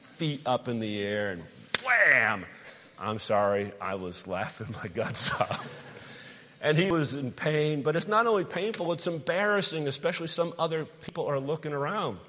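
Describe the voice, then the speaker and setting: A middle-aged male pastor preaching a sermon, animated, telling stories and asking the congregation questions. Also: fairly high pitch, normal speed. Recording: long hall reverb.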